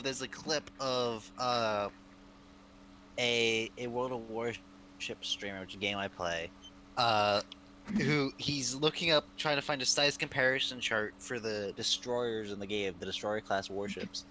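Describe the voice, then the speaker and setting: A man's voice: mid-range voice, a little slow, pauses often, sharp tone, a little hiss or hum, poor audio. Rambling, laughing male streamer. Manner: rambling, laughs often, many fillers. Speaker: streamer host. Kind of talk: casual chat on a live stream.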